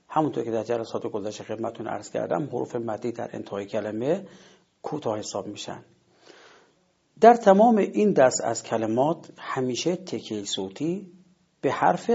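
Gravelly-voiced man teaching a lesson. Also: medium pitch, darkish tone. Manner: patient, explains step by step and models pronunciations. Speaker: Quran recitation teacher. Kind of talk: spoken lesson on word stress. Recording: dull lo-fi recording.

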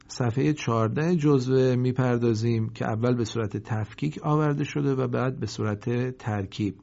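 Mellow-voiced man teaching a lesson. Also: medium pitch, vocal fry. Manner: brisk explaining, slow drawn-out recited example words. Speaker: Quran reading teacher. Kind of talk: recorded lesson. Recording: dull lo-fi recording.

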